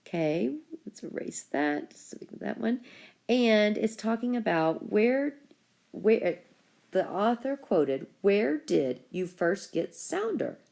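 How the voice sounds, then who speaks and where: A woman's voice: medium pitch, vocal fry, darkish tone. A woman schoolteacher explaining a writing lesson to her class step by step. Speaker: school teacher.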